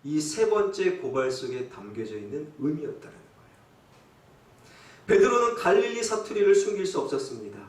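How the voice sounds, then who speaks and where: A man's voice: on the high side, sing-song, a little fast. A male pastor preaching a sermon, dramatic, asking rhetorical questions and acting out quotes in dialect. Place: church sanctuary. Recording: echoey church from a distant mic.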